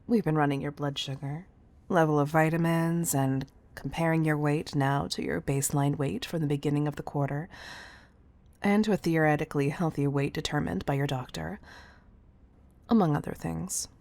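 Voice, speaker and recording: For an intimate roleplay audio, a woman plays a poised, commanding CEO, measured, teasing, and patronizing with affectionate firmness. Her voice is deep, creaky, and darkish with fairly even intonation, heard in a dry recording.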